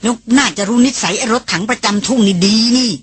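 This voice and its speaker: A woman voicing a grown man who leads a jungle hunting party, speaking in a measured, commanding way, in an audiobook. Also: a little high, breathy edge. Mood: firm, explaining.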